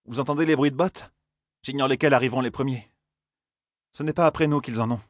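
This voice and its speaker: A man's voice: mid-range voice, quick pace, no echo, studio quality, pitched above the performer's own voice, close to an everyday voice. Alert young woman with urgent warnings, done by a male audiobook reader in a raised voice.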